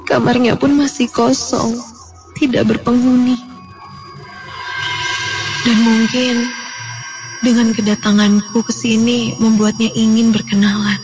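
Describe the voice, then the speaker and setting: A woman narrating a first-person horror story in a dramatic way, her voice climbing high with fear at the tense moments. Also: flat delivery, slow, pauses often, darkish tone, low-quality recording. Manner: dramatic, rising to frightened high pitch. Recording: music playing behind the voice.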